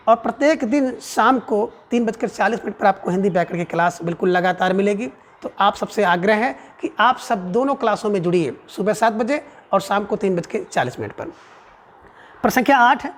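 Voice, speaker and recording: A male Hindi grammar teacher running an exam-prep quiz lesson, reading out each answer option slowly and checking in with frequent tag questions. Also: high-pitched. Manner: reads out each answer option in a measured, drawn-out way.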